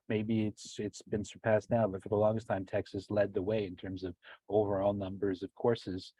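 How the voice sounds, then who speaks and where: A man's voice: fairly low pitch, mellow, husky, no echo. A man hosting a casual podcast interview, setting up questions in a rambling, self-correcting way. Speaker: podcast host.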